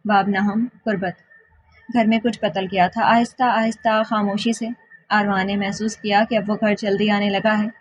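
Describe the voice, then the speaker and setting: A woman narrating a romance novel in a calm, measured way, with short phrases. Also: mid-range voice, poor audio. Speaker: audiobook narrator. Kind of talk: novel reading.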